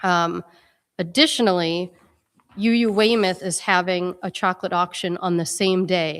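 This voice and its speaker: A woman's voice: lowish voice, a bit bright. Congested woman speaking in a reverberant church. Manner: chatty, informal, with frequent ums. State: congested with a head cold. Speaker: minister leading worship. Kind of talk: church welcome and announcements. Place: church sanctuary. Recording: long reverb in a church sanctuary.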